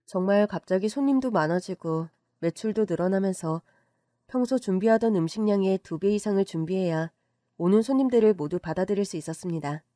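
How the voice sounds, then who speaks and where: A woman's voice: on the low side, mellow, dry recording, studio quality. A woman narrating a dramatic life story in an emotional, heartfelt way.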